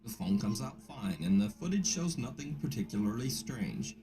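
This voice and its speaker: A man giving scripted narration of creepy stories in a measured, hushed storytelling delivery. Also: medium pitch, expressive, very noisy. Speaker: narrator of a scary video countdown.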